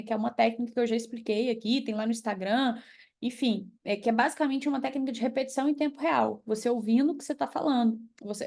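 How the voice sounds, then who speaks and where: A young Brazilian woman with a Brazilian Portuguese accent, coaching environmental professionals on learning English, lively and emphatic as she works through examples. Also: on the high side, creaky. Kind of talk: online class or mentoring talk.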